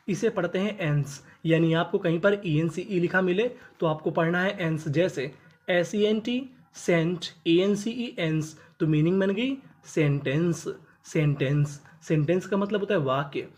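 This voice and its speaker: A teacher spelling out English words letter by letter, sounding them out and then giving each word's meaning. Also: a little mellow. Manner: drops pitch on the last word of each list. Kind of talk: spelling and phonics lesson.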